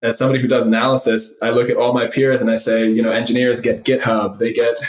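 A startup CEO and former finance leader, appearing as an interview guest, speaks fast at medium pitch with little pitch movement. Conversational but emphatic and opinionated, he builds his points through repeated phrases, in a roomy, echoey recording.

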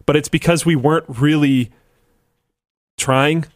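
A man's voice: on the high side, steady tone, unhurried, dry recording, clean studio sound. A man co-hosting a casual talk show, rambling with many fillers and frequent laughs. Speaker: podcast co-host. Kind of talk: casual chat.

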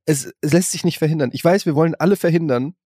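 A man's voice: fairly high pitch, quick pace, dark tone, no room sound, clean studio sound. A man in his forties, a podcast co-host, chatting casually in a crude, ranting way and acting out the voices he quotes. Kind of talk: casual chat.

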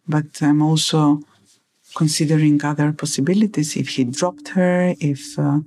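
A woman's voice: low voice, steady tone, a little slow, mellow. Hesitant woman, mother being interviewed. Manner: hesitant, searching for words.

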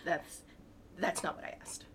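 A woman playing a frantic, loud mother fixated on her pillows, shrieking and bossy by turns, in an improvised comedy scene. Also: unhurried, a little hiss or hum, close to an everyday voice.

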